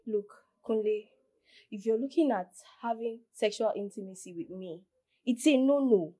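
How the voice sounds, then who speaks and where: A woman's voice: on the high side, normal speed, dark tone, close to an everyday voice. A young woman playing a firm, curt girlfriend. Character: firm, principled young woman refusing her boyfriend.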